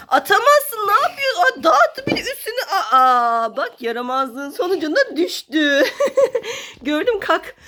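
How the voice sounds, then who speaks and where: A woman's voice: high-pitched, a bit bright. A woman filming a family vlog at home, commenting playfully with exclamations, mock-scolding and frequent laughter. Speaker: family vlogger. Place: child's bedroom at home.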